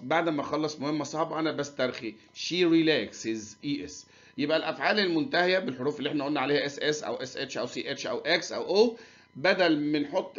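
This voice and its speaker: A man with an Egyptian Arabic accent teaching English grammar, saying example sentences slowly and then explaining them quickly. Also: mid-range voice. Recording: dull lo-fi recording.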